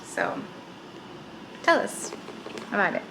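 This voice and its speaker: A young woman hosts a casual home vlog with her sister in their kitchen, chatting and explaining things step by step. Her voice is a bit bright and she takes her time. The recording sounds roomy, with slight background noise.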